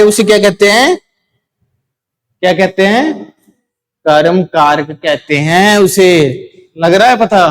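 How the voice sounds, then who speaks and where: Male teacher, higher voice, slow and deliberate, quizzes himself and repeats answers. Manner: asks and answers his own questions; repeats key words for students. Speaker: Hindi grammar teacher. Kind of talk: classroom grammar lesson.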